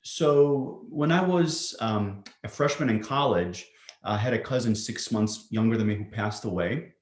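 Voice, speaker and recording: A male psychiatrist answering interview questions thoughtfully, often pausing with ums and restarting sentences. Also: on the low side. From Greece. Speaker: psychiatrist guest. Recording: roomy echo.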